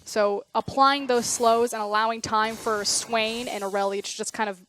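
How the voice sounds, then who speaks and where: A chatty woman caster breaking down an esports draft, her voice sitting a little high. She talks players through with playful mock quotes, and faint music plays under her voice. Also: fairly even intonation, moderate pace, a bit bright. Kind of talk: esports analysis commentary.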